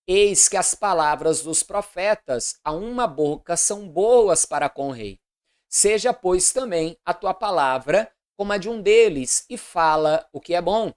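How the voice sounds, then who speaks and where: A woman, reading scripture aloud in a measured, deliberate way and adding commentary. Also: on the low side, darkish tone. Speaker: Bible reader.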